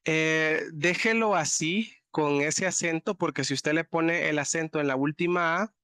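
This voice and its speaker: A man's voice: a little high, a little slow, bright, forceful tone, clear, resonant tone, no echo, studio quality. A man teaching a language class, explaining words patiently and often checking that students follow. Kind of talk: online class teaching vocabulary.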